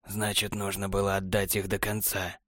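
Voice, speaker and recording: Cold, scornful male traitor, soft and low, contempt in every word, as a male narrator puts him on. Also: level tone, moderate pace, dry recording, clean studio sound. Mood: contemptuous. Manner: low, hushed, sneering delivery.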